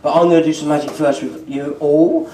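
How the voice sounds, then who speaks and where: A middle-aged British magician on a festival marquee stage calls out questions to the children in exuberant party patter. His voice is a little high and dark in tone, steady and brisk. An audience camera records his amplified voice from afar through an echoey tent PA, with slight background noise.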